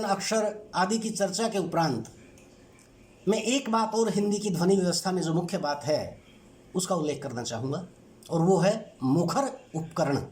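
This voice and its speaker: A man teaching a lesson on language sounds, speaking in measured, deliberate short phrases with pauses. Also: high-pitched, a little mellow. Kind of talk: explanatory lecture.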